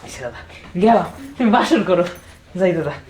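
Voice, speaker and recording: A woman's voice: fairly low pitch, lively intonation, brisk, a little mellow, echoey room, slight background noise, natural voice. A woman voicing a cheeky young grandson in a comic drama. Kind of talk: comic audio drama acting.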